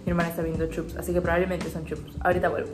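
A Peruvian woman in her twenties with a Peruvian Spanish accent narrates a casual, chatty daily vlog, talkative and upbeat as she confides in viewers. Her lowish voice is flat in delivery and rapid-fire, sounding reverberant, with background music under it.

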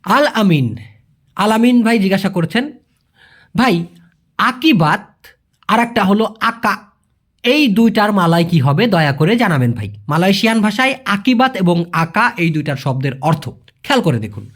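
A man giving a casual language lesson that answers viewers' questions. His pitch swings up and down a lot as he explains. He repeats each key word and keeps checking that the listener follows. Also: very animated, moderate pace, pauses often, fairly bright tone. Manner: chatty, repeats key words, asks the viewer to check understanding. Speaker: language teacher.

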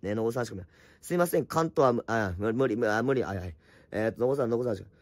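A middle-aged man with a slightly hoarse voice rattles through viewer comments on a late-night home livestream. His speech is quick and lively and swings widely in pitch, with blunt, teasing replies and muttered asides. The sound is close and dry, with no room around it. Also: no room sound. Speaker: streamer reading and answering viewer comments. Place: at home, wrapped in an electric blanket.

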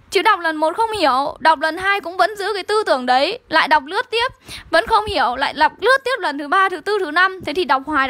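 A woman's voice: very high voice, bright, forceful tone, dry recording. A young woman with a Northern Vietnamese accent teaching an online exam-review lesson, coaxing and keeping on checking in with her students. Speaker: literature teacher.

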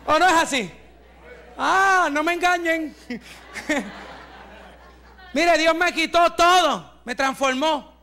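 A man in his forties, a pastor giving a fervent testimony sermon that rises to shouts, with joking asides. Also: extremely high pitch, measured pace. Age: 40s.

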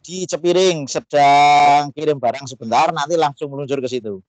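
A man's voice: on the high side, moderate pace, a little mellow, no echo. A man joins a meeting by phone, his voice faint and distant as if the phone is held away from his mouth. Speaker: meeting participant joining by call. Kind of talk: casual call-in chat.

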